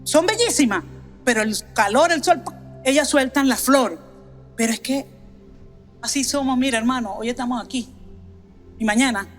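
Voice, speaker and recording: A middle-aged woman pastor preaching from the pulpit, her high voice swelling into emphatic declarations and then sinking to hushed asides. Her voice rings with the long reverb of a church, over soft music. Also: normal speed, pauses often. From Venezuela. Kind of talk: sermon. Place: church sanctuary.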